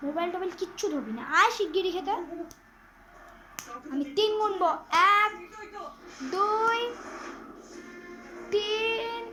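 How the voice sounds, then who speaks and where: A child playing a bossy, threatening mother who nags her schoolgirl daughter, with clear music behind. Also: extremely high pitch, moderate pace, long pauses, pushed and bright, rough recording. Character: strict scolding mother of a schoolgirl. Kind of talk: pretend-play role-play.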